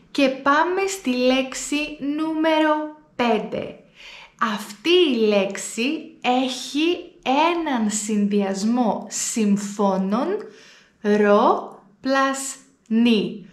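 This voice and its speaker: Greek teacher, slow careful pronunciation. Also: female voice, a little high, echoey room. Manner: slow, deliberate word repetitions for learners. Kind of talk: pronunciation lesson to camera.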